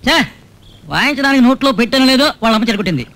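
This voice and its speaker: Name: none. Sex: a sly trickster. Style: rapid, lively film comedy. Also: male voice, very high voice, exaggerated voice. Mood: mocking. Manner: sly, fast and teasing. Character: scheming male trickster conning a widow. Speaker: comic film character.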